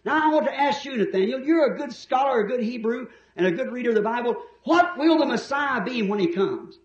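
A man's voice: very high-pitched, expressive, moderate pace, reverberant, highs cut off. A man preaching a sermon with emphasis, telling the story in a folksy way.

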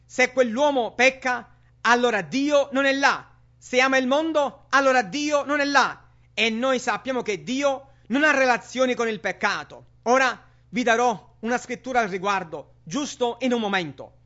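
A man's voice: very high voice, moderate pace, sharp tone. A man preaching a sermon with emphatic rhetorical questions to the congregation. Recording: dull lo-fi sermon recording.

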